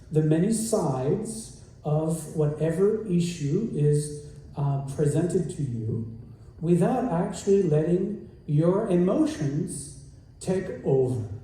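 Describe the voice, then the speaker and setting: A man giving a sermon as a guest rabbi, in an earnest, measured manner that repeats its key phrases. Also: on the high side, mellow. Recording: echoey room, distant mic.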